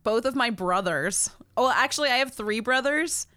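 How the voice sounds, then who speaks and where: A woman's voice: fairly high pitch, lively intonation, normal speed, sharp tone, no echo, studio quality. A woman co-hosting a podcast in casual chat, rambling with fillers and frequent laughter. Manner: giggly, rambling with many fillers. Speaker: podcast co-host.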